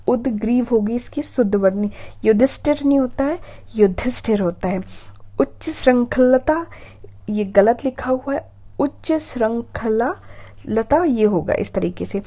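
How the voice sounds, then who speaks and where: A woman teaching an exam prep lesson on spelling, repeating each word slowly to drill it. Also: a little high, mellow.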